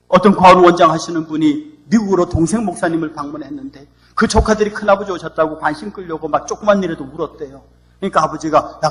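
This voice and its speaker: A male pastor preaching a sermon in a lively, emphatic and playful way. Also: high-pitched.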